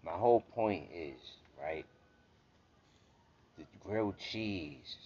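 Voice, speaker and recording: A man's voice: sits low, lively intonation, slow, mellow. A man in casual banter, emphatic and swearing freely, repeating himself to make his point. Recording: dull lo-fi sound with faint noise.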